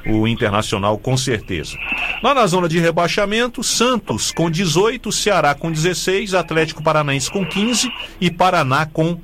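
Brazilian man, radio sports host, brisk delivery, animated intonation, faint hiss behind. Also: a little high. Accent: Brazilian Portuguese. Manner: brisk, reads scores and standings.

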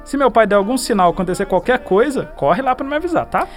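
An actor playing an anxious, devoted young son in a radio drama. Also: male voice, high-pitched, animated, fast talker, faint music behind. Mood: caring, earnest.

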